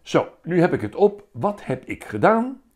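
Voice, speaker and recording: A man's voice: a little high, a little slow, voice pushed up. A man voicing a playful, theatrical bearded schoolteacher. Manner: theatrical, animated teaching.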